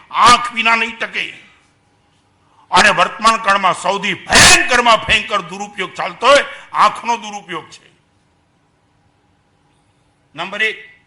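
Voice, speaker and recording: Older man, Gujarati accent, sermon, high voice, very bright tone, questions to listeners. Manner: animated preaching, swings between soft asides and loud emphasis; rhetorical questions to the audience. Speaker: Jain monk lecturer. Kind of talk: sermon to an assembly.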